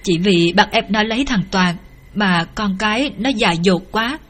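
A woman's voice: mid-range voice, moderate pace, a bit bright, natural voice. A distraught middle-aged mother begs for help, her voice tearful and imploring, as a woman narrator reads her. This is an audiobook-style reading with a plain everyday voice. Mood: pleading. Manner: pleading, tearful.

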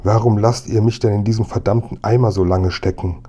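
Man doing a grouchy old-school cop, low and grumbly, dark husky voice. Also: steady tone, fairly quick, muffled recording, natural voice. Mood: grumbling. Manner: grumbling, gruff indignation. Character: grumpy male village police sergeant.

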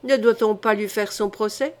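A woman's voice: medium pitch, moderate pace, lightly acted. A woman reading as a cold, ruthless queen. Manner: cold and even.

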